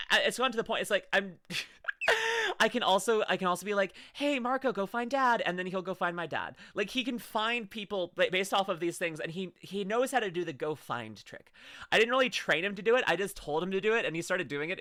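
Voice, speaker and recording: A young woman's mid-range, slightly bright voice swings widely in pitch as she speaks briskly. She's a streamer reacting to videos from home, casually chatting, gushing effusively and restarting often. The recording is dry with clean studio sound.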